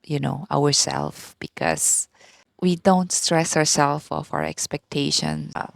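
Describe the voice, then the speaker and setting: A woman in her thirties with a Filipino accent, speaking slowly and gently in a soft-spoken ASMR talk, with pauses and restarts. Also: low voice, big pitch swings, gravelly, dry recording. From Philippines. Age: 30s. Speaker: ASMR vlogger.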